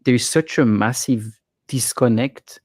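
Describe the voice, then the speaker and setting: A man from Switzerland speaking as an interview guest, telling stories in a loose, animated way. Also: medium pitch, a little slow, dry recording, studio quality. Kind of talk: casual interview talk.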